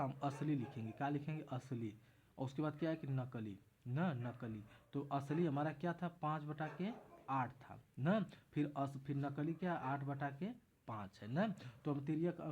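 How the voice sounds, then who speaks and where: A man's voice: fairly high pitch, a little mellow, a little hiss or hum. A man tutoring math in a casual exam-prep lesson, walking through each step and repeating himself as he explains.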